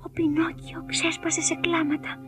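A woman narrating a children's fairy tale in an expressive storytelling manner. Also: very high-pitched, faint music behind.

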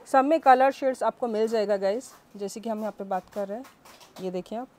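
A woman's voice: mid-range voice, brisk, a little mellow. A woman with a Delhi Hindi accent hosting a market vlog, talking enthusiastically to her viewers and exclaiming often over the pieces she shows. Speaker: vlog host.

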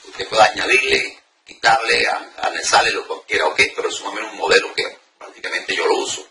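A man's voice: lowish voice, wildly swooping pitch, a little fast. A man preaching informally, teaching spiritual warfare prayers and speaking straight to the listener, earnest and repetitive with many restarts and fillers. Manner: addresses the listener directly. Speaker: deliverance preacher. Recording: roomy sound, mic far off, faint noise.

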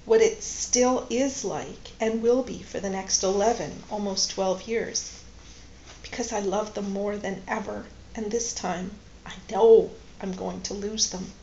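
A woman reading aloud as a composed but grieving woman who speaks quietly and carefully, holding back tears. The storybook voice is slow and measured. The recording is roomy and a little muffled, with faint noise behind it. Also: mid-range voice, fairly even intonation, lightly acted. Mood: restrained, sorrowful. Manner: quiet, restrained, tearful at times. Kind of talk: audiobook-style read-aloud dialogue.

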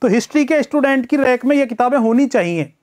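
Brief: male tutor, very high voice, casual live-class delivery. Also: expressive, fast talker, darkish tone. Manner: chatty, greets viewers by name; acts out students' excuses in first person. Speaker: teacher. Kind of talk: live online exam-prep lecture.

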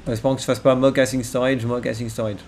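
Gravelly man coding aloud. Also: medium pitch, level tone, fast, darkish tone, slight background noise. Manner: mutters to himself, casual and self-deprecating. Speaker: coding streamer. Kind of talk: live coding, thinking aloud. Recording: faint keyboard typing behind.

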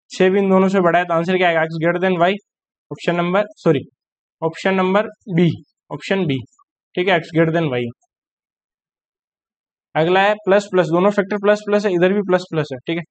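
A man teaching an exam-prep math lesson, working sums aloud and often checking whether students follow. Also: sits high. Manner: quick mental arithmetic aloud, frequent checking questions. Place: online class recording.

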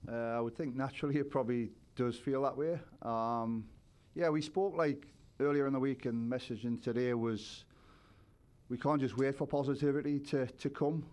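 A man's voice: medium pitch, steady tone, moderate pace, a little mellow. A man in his forties, a head coach, giving thoughtful postgame answers at a press conference, seated at a table with a microphone. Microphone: table microphone on a stand.

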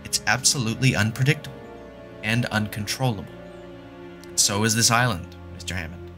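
Over music, a fan voice actor delivers a brisk lecture as a self-assured, sardonic mathematician, explaining things patiently but emphatically. His natural-sounding voice sits on the lower side.

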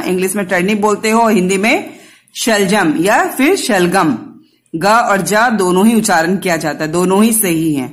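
A woman teacher giving a Hindi lesson to young children, patiently spelling out letters and answering her own questions. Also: mid-range voice. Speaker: kindergarten teacher.

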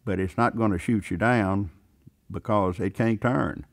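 Very deep-voiced plainspoken older pilot. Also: male voice, a little slow. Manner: plainspoken, drawling, folksy. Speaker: pilot and aircraft owner. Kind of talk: casual interview.

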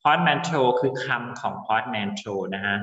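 In an online lesson on English word formation, a man speaks extremely slowly in an animated, medium-pitched, slightly bright voice. He names individual students and weaves English terms into his teaching, and the dull room around him echoes with long reverb.

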